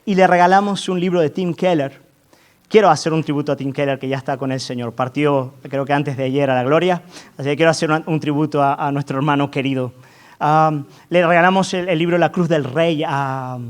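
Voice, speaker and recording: A man's voice: a little high, steady tone, a little fast. A male pastor preaching a sermon with fervor, building to emphatic peaks, often asking the congregation to agree, and repeating words as he restarts. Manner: fervent, rising to emphatic climaxes, asks the congregation for affirmation.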